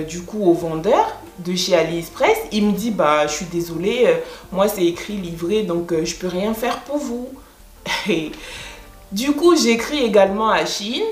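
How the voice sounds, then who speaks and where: A woman vlogger telling a storytime in casual chat, animated and indignant, with many fillers. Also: mid-range voice. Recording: echoey room.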